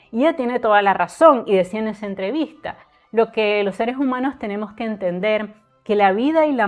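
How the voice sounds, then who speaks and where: Woman host, earnest live literature talk, mid pitch, faint music underneath. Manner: earnest, conversational, many filler eh's. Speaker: literature tutor and channel host.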